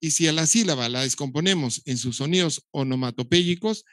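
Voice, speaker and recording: In a recorded lecture, a middle-aged doctor explains child development, specifically how kids learn to talk, taking it step by step. Dry humor surfaces now and then, and he imitates baby sounds. His fairly high, fairly bright voice moves a little fast, with no room sound.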